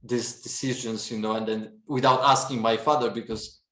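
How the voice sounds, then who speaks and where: A man's voice: mid-range voice, fairly even intonation, normal speed, fairly bright tone, echoey room. A man from Poland with a Polish accent, a podcast guest telling family stories in casual chat, laughing often and filling with "and then" and "you know".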